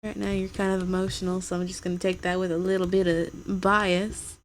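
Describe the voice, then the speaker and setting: A woman's voice: lowish voice, flat delivery, fairly quick, a little hiss or hum. A woman streaming her digital painting live, chatting casually and teasing her friend in a playful way. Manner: playful, teasing, hums little jingles. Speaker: streamer drawing digital art. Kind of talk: casual chat while drawing live.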